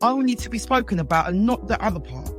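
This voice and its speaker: A woman's voice: mid-range voice, sing-song, fast talker, faint music behind. A woman from London chatting casually on a podcast, exclaiming and talking points through in long run-on turns. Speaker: podcast co-host. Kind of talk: casual chat.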